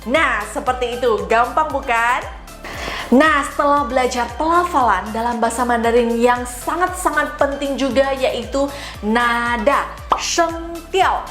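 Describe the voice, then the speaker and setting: Woman teaching pronunciation, slow and careful, kinda high voice, echoey room w faint music. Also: fairly bright tone. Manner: slow, careful, exaggerated tone demonstrations. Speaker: Mandarin teacher. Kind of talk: language lesson.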